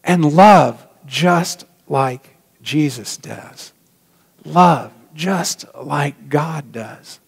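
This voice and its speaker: Middle-aged male pastor, earnest sermon, slightly high voice, long church reverb. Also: drawn-out words, gravelly, slightly rough. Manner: earnest, reflective, drops to near-whisper on key points. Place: large church sanctuary.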